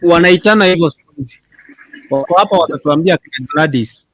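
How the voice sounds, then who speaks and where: A man with a Kenyan accent banters as a talk host in a fairly high voice. The sound is dry, without room echo. He teases casually, mixing Swahili with some English. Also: fast talker, a bit bright.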